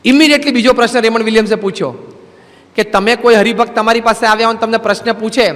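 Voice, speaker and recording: High-voiced man preaching in a reverberant hall. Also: fairly even intonation, fast talker, a bit bright. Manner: humorous, conversational storytelling with everyday examples. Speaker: religious discourse speaker. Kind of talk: sermon.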